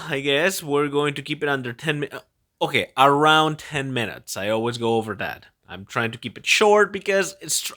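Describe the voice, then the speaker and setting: Here a podcast host talks on his own in a casual monologue, his bright voice sitting at medium pitch. Spanish is his native tongue; he was born in Peru and grew up in Spain. He speaks haltingly, rambles, and frequently repeats himself.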